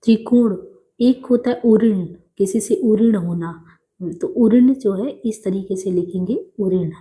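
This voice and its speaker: A woman's voice: medium pitch, unhurried, dark tone. A woman teaching correct Hindi spelling for exam preparation, patiently repeating each word and checking in with her students as she goes. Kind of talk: exam-prep spelling lesson.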